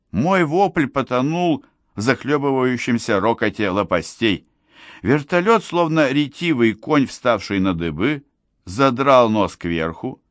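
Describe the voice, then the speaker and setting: Male audiobook narrator, unhurried and measured, dry close sound. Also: mid-range voice, dry recording. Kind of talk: first-person audiobook narration.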